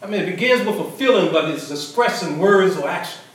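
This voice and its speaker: A man's voice: high-pitched, animated, fairly quick. A middle-aged man preaching a sermon to a congregation in a conversational way, often repeating and restarting phrases. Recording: echoey hall, far mic, congregation.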